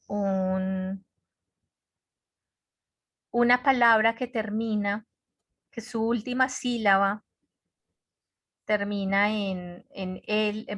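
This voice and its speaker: Slow, patient woman teacher explaining. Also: medium pitch, fairly bright tone, no echo. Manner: patient, repetitive explaining with frequent check-ins. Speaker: English teacher. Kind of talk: online class lecture. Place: home office on a web conference.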